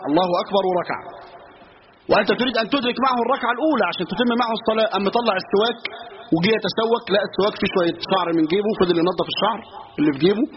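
A man with an Egyptian Arabic accent giving a colloquial religious lesson, telling stories and asking rhetorical questions. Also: high-pitched. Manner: storytelling, lively, asides and rhetorical questions. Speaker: religious teacher. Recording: muffled recording with steady hiss.

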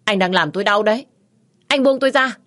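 A woman voicing a young pregnant wife who is defiant and frightened, shouting and pleading near tears. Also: fairly low pitch, moderate pace, natural voice. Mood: distraught.

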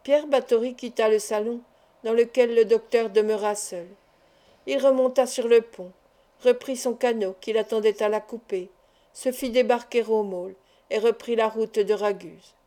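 A woman narrating a classic adventure novel aloud in a measured, expressive way. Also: fairly high pitch. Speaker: audiobook reader.

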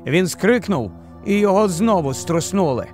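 A man's voice: high-pitched, lively intonation, moderate pace, a little mellow. A man narrating a horror audiobook in a dramatic, tense storytelling manner. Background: faint music.

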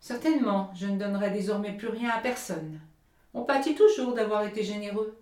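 A woman's voice: medium pitch, brisk, a little mellow, voice pushed up, close to an everyday voice. A woman reading a smug, selfish miller. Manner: self-satisfied and hypocritical. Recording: roomy echo.

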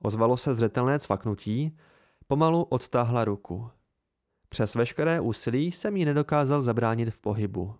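A man reading an amateur audiobook, telling it in a steady first-person voice. His pitch sits mid-range, and the recording is dry and close with no room sound. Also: dry recording. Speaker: audiobook reader.

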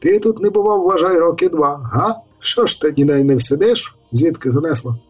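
Guy putting on a higher shouty husky village boss, short fat grumpy type, music in the back. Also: lively intonation, normal speed, far from the mic. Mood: jovial gruff. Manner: blustering, shouting, gruff and jovial. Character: short fat irritable middle-aged male village reeve. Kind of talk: audiobook character voice.

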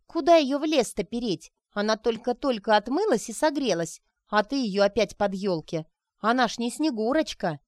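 A woman reading aloud and voicing an excitable young woman who talks loudly in eager exclamations. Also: mid-range voice, unhurried, few pauses, dry recording, clean studio sound. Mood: excited. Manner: loud, exclaiming.

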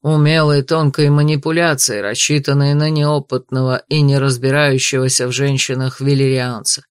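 A man's voice: mid-range voice, level tone, normal speed, smooth, no echo, studio quality, natural voice. A man voicing a bitter, wounded young nobleman. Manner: bitter, restrained anger. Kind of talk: audiobook dialogue reading.

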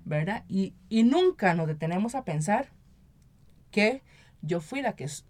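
An earnest woman with a Costa Rican accent, an activist and municipal council member, talks conversationally as an interview guest. Her medium-pitched, darkish voice is animated and a little slow, and she often adds tag questions to seek agreement.

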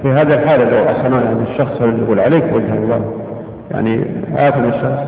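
A man in the audience posing polite questions to a scholar. He talks very fast. His voice comes from far off, washed in hall echo and squeezed into a tinny, phone-like sound. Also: mid-range voice, steady tone.

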